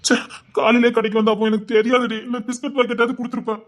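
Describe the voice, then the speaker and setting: A woman's voice: on the high side, level tone, close to an everyday voice. A woman playing a caring young village man who fusses over his sweetheart. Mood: coaxing. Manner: fast, fussing, coaxing. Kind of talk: village romance drama acting.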